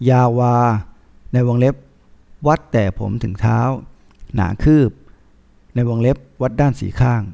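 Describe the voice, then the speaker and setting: A monk reads a book of lectures aloud, steady and measured. His voice is gravelly with a dark, mellow tone. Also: mid-range voice. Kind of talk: audiobook reading of lectures.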